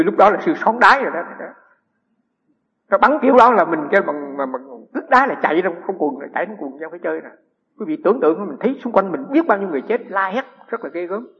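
A man's voice: sits high, slightly rough. A man, a Buddhist monk, giving a dharma talk, telling stories and putting rhetorical questions to his listeners. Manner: anecdotal, asks the audience rhetorical questions. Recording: dull lo-fi recording with long hall reverb.

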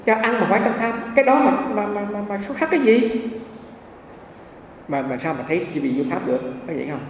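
Monk in a booming echoey hall. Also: male voice, animated, fast. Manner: rambling, repeats small words often. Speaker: Buddhist monk. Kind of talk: dharma talk with anecdotes. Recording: echoey hall, mic far off, faint hiss.

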